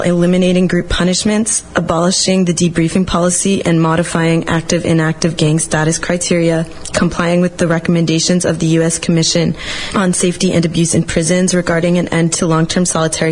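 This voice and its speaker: Female community radio reporter, low and flat, measured read with slight background hiss. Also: poor audio. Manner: steady, measured reading with an occasional filler. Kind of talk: reading a prepared news report.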